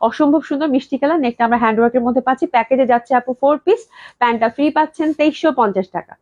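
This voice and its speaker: A woman from Bangladesh runs a live clothing sale, talking fast in a fairly high voice. She repeats prices over and over and mixes English phrases into her chatter. The audio is dull and lo-fi, as from a live stream. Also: a little mellow. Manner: talks slowly on purpose to hold back a cough.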